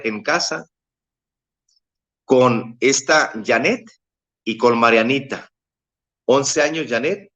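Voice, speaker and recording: A middle-aged man with a Mexican accent tells his own story in an interview, earnest and halting, often repeating words and rising in pitch when moved. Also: fairly bright tone. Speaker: bereaved father telling his testimony. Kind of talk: emotional personal testimony in an interview.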